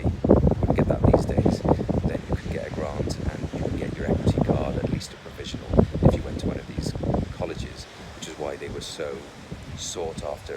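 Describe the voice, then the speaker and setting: Low-voiced man over loud wind. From Wales. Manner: hesitant, with many fillers and restarts. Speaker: vlogger. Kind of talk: casual personal talk to camera.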